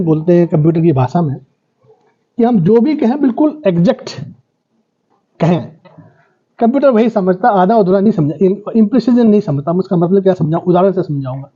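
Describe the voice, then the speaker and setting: A man's voice: high-pitched, warm tone. A man professor giving a university lecture, explaining ideas through everyday examples and checking in with his listeners. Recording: dull lo-fi lecture recording.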